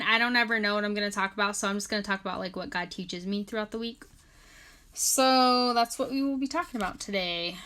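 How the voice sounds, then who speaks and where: Bright young woman with a slight lisp. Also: mid-range voice. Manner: chatty, filler-heavy, apologetic asides. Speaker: Bible study leader. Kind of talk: casual livestream Bible study. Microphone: phone.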